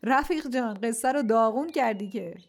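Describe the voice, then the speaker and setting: A woman voicing a kind, wise wandering storyteller bird in a children's audio story, speaking in a warm, reassuring way. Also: mid-range voice, lively intonation, close to an everyday voice. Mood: cheerful.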